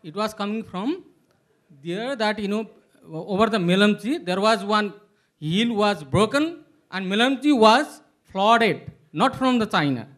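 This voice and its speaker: A man's voice: sits high, animated, fairly bright tone. A man from Nepal, asking a panel a long question and stopping often with filler sounds. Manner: halting, many filler sounds. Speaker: audience member asking a question. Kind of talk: hesitant spoken question at a panel.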